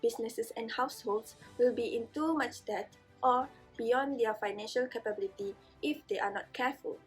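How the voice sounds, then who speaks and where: A woman's voice: on the high side, normal speed. A woman reading a scripted news report. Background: faint music.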